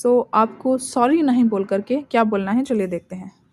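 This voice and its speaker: A woman with an Indian accent teaching spoken English in Hindi, reading English example sentences slowly and deliberately. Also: fairly high pitch, faint music behind.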